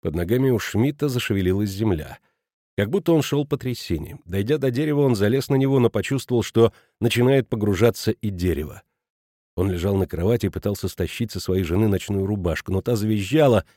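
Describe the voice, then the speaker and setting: A man reads a novel aloud in an even, measured voice. The sound is close and completely dry. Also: fairly low pitch, no room sound. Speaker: audiobook narrator. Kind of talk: scripted literary narration.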